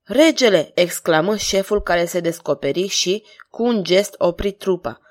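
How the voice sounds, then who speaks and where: A woman narrating an audiobook chapter in a measured, dramatic reading. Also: on the low side. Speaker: volunteer audiobook reader.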